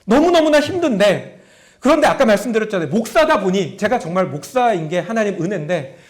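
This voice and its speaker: Telling stories from the pulpit at a fairly quick clip, this middle-aged pastor has a high, sing-song male voice. He raises his voice to act out prayers and addresses the congregation directly with questions.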